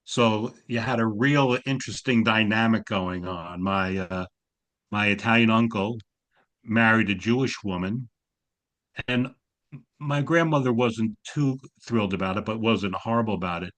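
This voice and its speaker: A man's voice: fairly low pitch, a little slow, a bit bright. Wry older man, slight New York accent. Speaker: class discussion participant. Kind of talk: storytelling in a Zoom class discussion. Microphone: video call.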